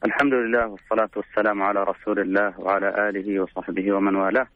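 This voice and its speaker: A man's voice: lowish voice, level tone, very fast, dry recording, phone-quality sound. A man, a religious scholar, speaking formal standard Arabic as a radio interview guest over a remote link.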